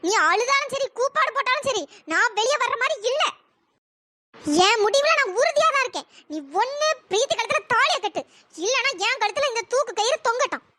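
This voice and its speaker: A voice actor playing a stubborn, melodramatic middle-aged mother in a cartoon drama, with a pitch-raised voice. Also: lively intonation, fairly quick, sharp tone, full character voice. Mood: threatening. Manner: melodramatic, pleading and threatening.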